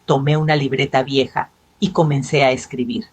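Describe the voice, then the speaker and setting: An older woman narrating her own family drama in the first person, slow and hushed. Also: very deep voice, steady tone, slight background noise. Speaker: storyteller.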